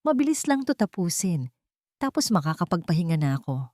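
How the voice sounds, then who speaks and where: A woman's voice: fairly low pitch, sing-song, brisk, darkish tone, no echo, clean studio sound. A woman voicing a cheerful, lazy little piglet in a storybook tale. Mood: carefree.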